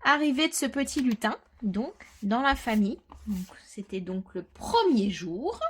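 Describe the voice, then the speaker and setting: A woman's voice: on the high side, expressive, a little slow, slightly rough. Chatty woman talking through a craft project. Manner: chatty, explains while working, with quiet muttered asides. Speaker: crafter presenting a scrapbooking tutorial. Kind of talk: casual step-by-step craft tutorial.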